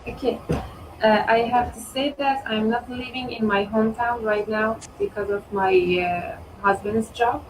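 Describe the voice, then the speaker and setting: A woman from Iran, chatting casually in English on a video call with slow, halting pauses. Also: a little high, lively intonation, recorded from a distance, background noise. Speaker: conversation club participant. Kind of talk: casual online chat in English.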